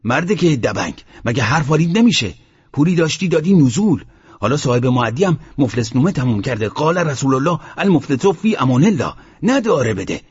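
A man narrator voicing an arrogant, domineering male cleric who shouts scornfully. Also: medium pitch, sing-song, husky, lo-fi sound, exaggerated voice.

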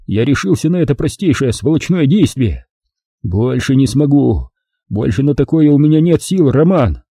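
A man voicing a drunk, anguished army officer who shouts bitterly. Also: medium pitch, animated, moderate pace, husky, no room sound, studio quality, pitched above the performer's own voice. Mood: anguished, drunken.

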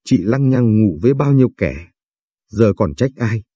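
A desperate young mother pleading in an audio story, read by a man. She begs and implores in a low, mellow, husky voice, recorded close and dry. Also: lively intonation, normal speed, no room sound. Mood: angry.

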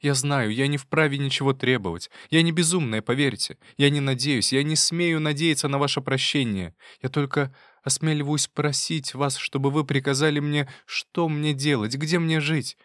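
A man's voice: on the high side, fairly even intonation, normal speed, hardly any pauses, a bit bright, no echo, voice pushed up, natural voice. A man voicing a remorseful young wife who begs her husband for forgiveness, for a dry audiobook reading. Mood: pleading.

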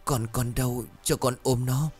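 A man voicing a young second wife in childbirth, gasping and pleading in a breathless, high voice. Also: fairly even intonation, moderate pace, darkish tone, husky, soft background music, natural voice. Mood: desperate.

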